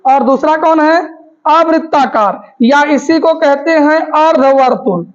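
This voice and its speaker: High-voiced woman teacher drilling terms. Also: unhurried. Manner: asks the class questions and answers them herself; repeats key terms for drilling. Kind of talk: Hindi grammar lesson. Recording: dull lo-fi recording.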